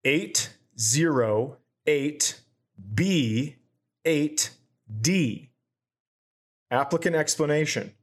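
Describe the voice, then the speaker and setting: A podcast co-host with a somewhat high male voice talks very slowly, leaving long pauses. In a casual comedy chat he reads out items deadpan and swears often, telling stories in a profane, animated way.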